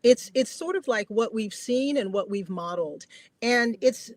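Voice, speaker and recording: A middle-aged Guyanese woman, a family caregiver appearing as a podcast guest, speaks earnestly and thoughtfully in a personal conversation, repeating phrases to stress her points. Her voice is slightly high, animated and darkish in tone, at a normal speed with no echo.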